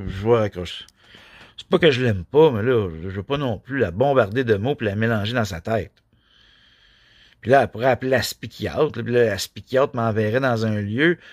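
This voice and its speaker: A man in his forties with a Québécois accent, rambling through a personal vlog in a flat, robot-like delivery, full of filler tags. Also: fairly low pitch, no echo, clean studio sound. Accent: Québécois French. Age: 40s. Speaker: YouTuber.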